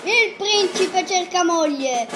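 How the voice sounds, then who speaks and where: A woman voicing a pompous town crier, proclaiming loudly in a puppet fairy tale with music behind. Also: extremely high pitch, expressive, takes it slowly, full character voice. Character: town crier announcing royal ball, loud and pompous.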